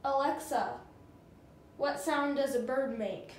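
A woman with a high voice gives deliberate voice commands in a casual home video. She speaks slowly and pauses after calling the device. The room adds some echo. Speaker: pet owner questioning a smart speaker. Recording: roomy echo, faint background noise.

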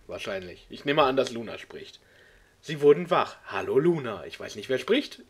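A man hosting a comedic read-along, reading a clumsy fan story aloud and mocking it with exasperated jokes, sometimes squeaking into high voices for characters. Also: big pitch swings, normal speed, slightly rough. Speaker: video host.

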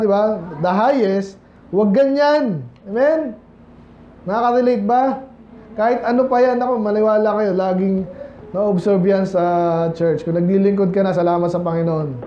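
A man's voice: sits high, mellow, slight background noise. A Filipino man preaching a casual, conversational sermon to his congregation, often asking them rhetorical questions. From Philippines. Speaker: pastor. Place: church sanctuary. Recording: echoey church hall, slightly dull sound.

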